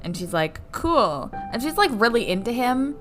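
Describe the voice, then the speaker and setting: A woman's voice: a little high, moderate pace, faint music behind. Sarcastic woman recapping a movie. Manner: sarcastic, swears freely, animated. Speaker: podcast co-host. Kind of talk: casual movie recap chat.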